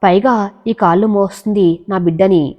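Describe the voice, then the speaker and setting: A woman's voice: medium pitch, fairly even intonation, normal speed, muffled recording, lightly acted. A woman voicing an earnest young husband pleading for his wife, in a storybook reading with long echoey reverb. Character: loving young husband, a builder.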